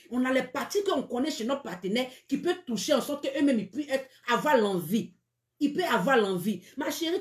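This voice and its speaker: A woman's voice: a little high, reverberant. A woman hosting a live-stream dating advice show, speaking frankly and teasingly, and repeating her catchphrases.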